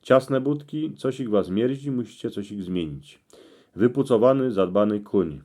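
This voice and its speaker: A man with a Cieszyn Silesian accent reading out interpretations in dialect, in terse phrases with pauses. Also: fairly low pitch, animated, warm tone. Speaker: presenter explaining dream meanings.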